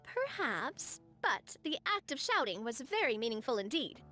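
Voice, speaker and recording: An upbeat, outgoing young woman in a video game. Her voice sits high and moves with a lively, animated lilt. She chats warmly and coaxes others along. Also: moderate pace, soft background music, exaggerated voice. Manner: upbeat, persuasive, chatty. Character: cheerful outgoing young woman, friendly leader.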